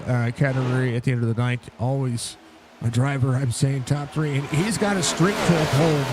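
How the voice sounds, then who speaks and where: A man giving casual, chatty live sim racing commentary, addressing viewers and drivers directly, his mouth barely opening after facial surgery. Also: medium pitch. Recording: clear background engine noise. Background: race car engine noise.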